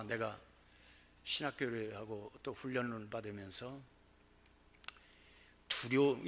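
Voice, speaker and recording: Bright-voiced male preacher telling a story. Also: mid-range voice. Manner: animated storytelling, grows loud and excited when recounting. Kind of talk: sermon testimony. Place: church.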